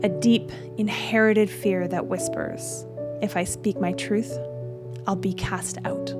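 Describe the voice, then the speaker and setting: Soft-spoken woman hosting a spiritual podcast. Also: mid-range voice, steady tone, over loud music. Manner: soft, earnest, measured delivery. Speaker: podcast host. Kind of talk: spiritual podcast narration and interview.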